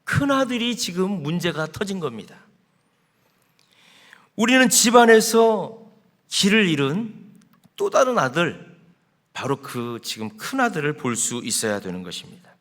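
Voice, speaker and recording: Guy preaching in church, high voice, swings up and down a lot telling the story. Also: measured pace, long pauses. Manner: animated storytelling preacher, rising and falling emphasis. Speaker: pastor. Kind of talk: sermon. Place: church sanctuary.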